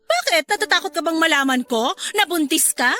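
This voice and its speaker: Jealous pregnant wife in a radio drama, voice way up high, bright and cutting, sharp accusing tone. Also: female voice, lively intonation, fairly quick, full character voice. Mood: probing. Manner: sharp, confrontational, spiralling into hysterical shouting.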